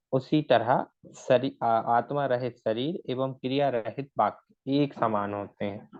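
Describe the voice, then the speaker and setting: A man gives a shorthand lesson in a mid-range voice. He asks a question and answers it himself, slipping English terms into his explanations. The recording sounds a little dull and lo-fi. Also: mid-range voice. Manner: mixes in English words. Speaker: shorthand teacher.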